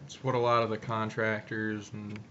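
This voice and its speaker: A young man talks around chewing tobacco in a very flat, fairly low voice. His talk is casual, slangy and full of swearing. The recording is muffled and noisy. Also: normal speed. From upstate New York, United States. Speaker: video co-host. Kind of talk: casual chat and anecdotes. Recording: muffled, noisy amateur video audio.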